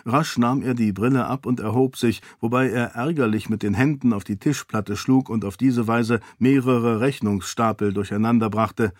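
A man narrating a fantasy novel as an audiobook in a steady, measured way. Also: medium pitch, no room sound, clean studio sound. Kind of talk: scripted narration.

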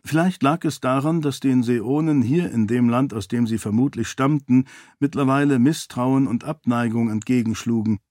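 A man calmly narrating a fantasy audiobook in a measured, even way, close to the mic. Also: medium pitch, dry recording. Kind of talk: scripted narration.

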